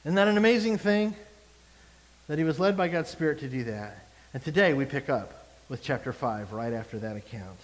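A man's voice: medium pitch, lively intonation, brisk, in a large hall, low-quality recording. A male pastor giving a sermon, preaching expressively and asking the congregation rhetorical questions.

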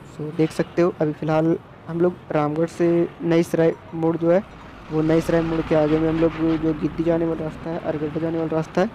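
A young man from India vlogs casually from his scooter in road traffic, rambling, chatty, and prone to repeating himself, with a phone on his helmet's chin mount. His voice is on the high side with a dark tone, and the recording is rough.

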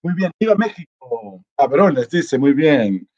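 Guy in his 40s reading chat comments live, easygoing, kinda high voice, dull lo-fi sound. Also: big pitch swings, takes it slowly, a little mellow. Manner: chatty and easygoing, reads greetings aloud and answers them. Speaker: vlogger hosting a live chat contest.

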